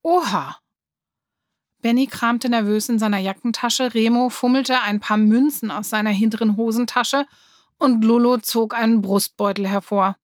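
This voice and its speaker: A woman narrating a children's storybook in a lively, expressive way. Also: a little high, normal speed, no room sound, clean studio sound. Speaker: audiobook narrator.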